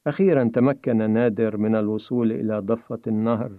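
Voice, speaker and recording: A man narrates a story in a dramatic, measured read-aloud manner. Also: lowish voice, fairly even intonation, dry recording. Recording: tinny phone-like dry recording.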